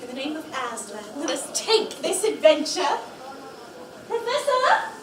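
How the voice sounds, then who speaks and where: An actress plays an eager, hopeful young girl in a children's stage show, gushing with bright-eyed wonder. The voice is very high. It is caught from afar in an echoey room with a constant hiss. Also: huge pitch swings, a little slow, full character voice. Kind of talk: live children's stage play. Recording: echoey room from far off, noise.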